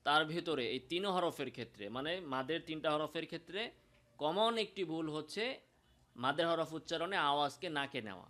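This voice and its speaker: A man with a Bangladeshi Bengali accent teaching Quran pronunciation, explaining slowly and demonstrating sounds in drawn-out chanted examples. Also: fairly high pitch, lively intonation, bright, forceful tone. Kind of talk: recitation lesson.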